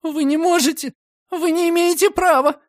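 A man voicing an indignant older woman who runs a boarding house, her lines shrill and wailing. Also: measured pace, a bit bright, dry recording, clean studio sound. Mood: outraged.

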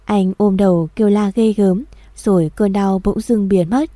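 Female audiobook narrator, steady gentle delivery, warm tone, dry close recording. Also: mid-range voice, normal speed, no room sound. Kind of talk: scripted first-person story narration.

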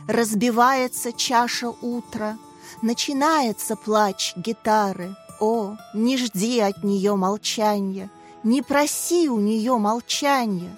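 A woman doing an earnest young teacher, higher voice. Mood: declaiming. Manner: emotional, earnest poetry recital. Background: faint music.

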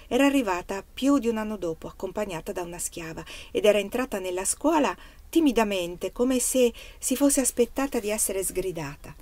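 A woman reading a novel aloud as an audiobook narrator, in a measured, steady literary manner. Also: mid-range voice. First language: Italian. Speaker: reader.

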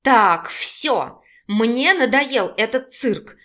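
Storybook heroine: young, fiery, sarcastic and sharp-tongued , read by a woman. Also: a little high, animated, very slow, heavily acted. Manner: sarcastic, yelling.

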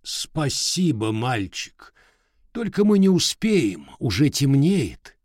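A man doing a calm, kindly professor. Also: medium pitch, no echo, clean studio sound, voice pushed up. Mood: urgent. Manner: reassuring, measured. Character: kindly calm middle-aged male professor.

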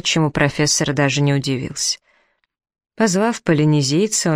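A man reading a detective novel aloud as an audiobook, in an even, measured narrating voice. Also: fairly high pitch, no room sound, clean studio sound. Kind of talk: scripted literary narration.

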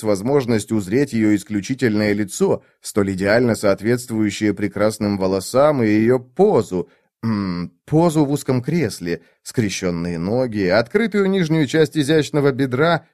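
Male narrator with a mid pitch and a lively, varied delivery in an audiobook; dry, close sound. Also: dry recording.

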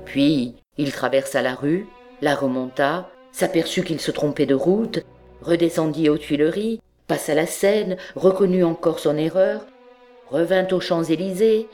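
Slow, measured woman reading aloud. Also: low voice, mellow. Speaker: audiobook reader. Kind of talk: scripted narration of a classic story.

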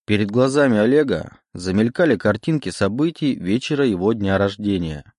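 A man with a low voice reads a novel aloud, steady and measured. The recording is dry and close. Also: no echo. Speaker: audiobook narrator. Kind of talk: scripted narration.

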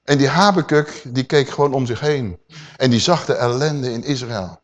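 A man preaching a sermon, dramatic, swinging from loud declaiming to quiet asides and asking his listeners questions. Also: medium pitch, normal speed, lo-fi sound. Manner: addresses listeners with rhetorical questions.

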